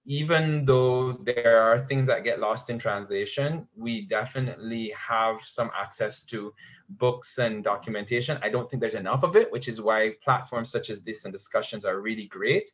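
A man's voice: mid-range voice, moderate pace, fairly bright tone. A man, speaking as a guest in a thoughtful conversation and often restarting his sentences. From Caribbean. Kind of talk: reflective conversation. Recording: dull lo-fi audio.

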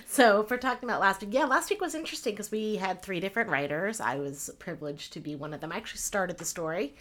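A woman's voice: mid-range voice, expressive, fast, fairly bright tone. A woman co-hosting a fiction podcast, chatting casually and laughing often. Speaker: podcast co-host and writer.

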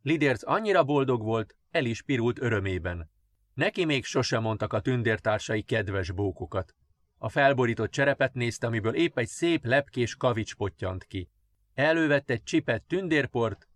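A man narrating children's fairy tales in a gentle, expressive reading. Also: medium pitch, no echo. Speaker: audiobook narrator. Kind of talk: storybook narration.

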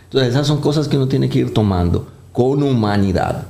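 Speaking a little fast with lively intonation, this man has a medium-pitched, creaky, dark voice. He's a Colombian doctor whose slight accent has mellowed after years in the Dominican Republic, recounting his career in a casual interview with many fillers and restarts.

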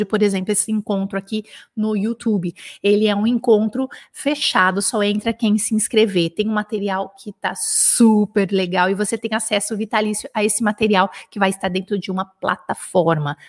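A woman in her thirties from Brazil, a French teacher leading a live dictation lesson, lively, spelling out words slowly and repeating them. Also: medium pitch.

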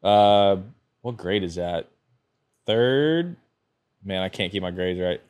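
A man's voice: sits low, animated, slow, a little mellow, smooth, dry recording, clean studio sound. A man in his twenties with an American accent, chatting casually about sports in frat-bro slang. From Florida and Georgia, USA. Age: 20s. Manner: frat-bro slang, full of dude, bro and sick. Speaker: podcast guest, sports videographer.

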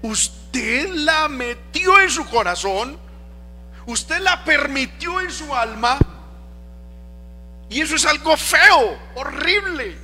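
High bright preacher, reverberant hall. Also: male voice, expressive, takes it slowly. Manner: preaching, emphatic, rhetorical questions. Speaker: pastor. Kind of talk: sermon. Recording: long reverb of a church hall. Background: faint music.

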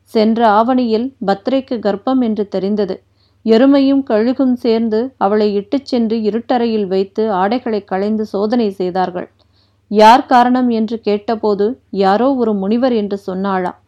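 A woman's voice: a little high, steady tone, a little slow, natural voice. A woman voicing a mischievous, joking young palace maid who teases playfully, in a dull lo-fi recording. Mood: teasing. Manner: teasing, playful.

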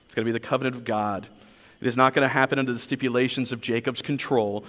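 A man's voice: mid-range voice, steady tone, fast talker, fairly bright tone, in a large hall. A man preaching a sermon, telling personal stories in a conversational, earnest, self-deprecating way. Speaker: pastor.

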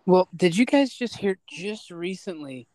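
A young man co-hosting a casual podcast, rambling excitedly with lots of fillers. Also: high voice, a little slow, low-quality recording. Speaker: podcast co-host.

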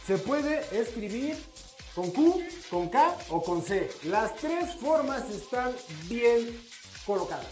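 A woman's voice: a little high, big pitch swings, slow pace, darkish tone, echoey room, soft background music. A woman co-hosting a radio show, playfully explaining and joking, laughing often. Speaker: radio co-host. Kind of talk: casual chat.

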